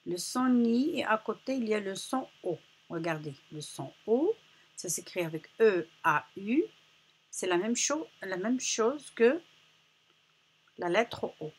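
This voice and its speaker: A woman teaching young children a phonics lesson, sounding out syllables slowly and repeating each one with care. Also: mid-range voice, lively intonation, breathy edge. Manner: slow, carefully articulated, repeats sounds for children. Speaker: primary school teacher.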